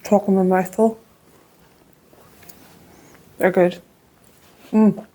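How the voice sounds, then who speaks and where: Northern irish woman doing a cooking vlog in her kitchen, warm mellow tone, chatty and homely. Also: medium pitch, fairly even intonation, unhurried. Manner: chatty and homely, talks while tasting. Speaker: cooking channel host. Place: home kitchen.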